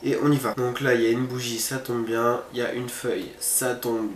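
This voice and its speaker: A man's voice: medium pitch, level tone, fairly quick. A man giving casual let's-play commentary, thinking aloud and chatting informally to his viewers. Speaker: gamer hosting a horror game video. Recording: roomy echo, faint background noise.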